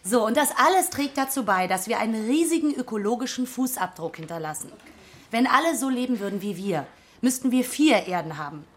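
An actress playing a brisk, encouraging schoolteacher questioning her class. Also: fairly high pitch, expressive, lightly acted.

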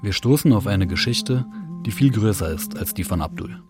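A man narrating a radio documentary in a measured, descriptive scripted manner. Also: fairly low pitch, expressive, over music.

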